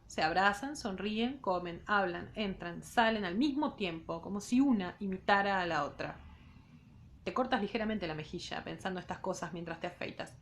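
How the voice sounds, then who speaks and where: A woman's voice: mid-range voice, normal speed, a little hiss or hum. Argentine woman teacher reading aloud. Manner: reads in second person, breaks off for casual remarks. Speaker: literature teacher. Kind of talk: reading a novel aloud and commenting.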